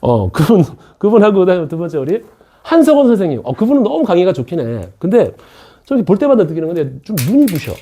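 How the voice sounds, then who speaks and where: A middle-aged man delivers a laid-back math lecture in an academy classroom, joking around with students between explanations. His mellow voice is high-pitched, moves through big pitch swings, and goes fast.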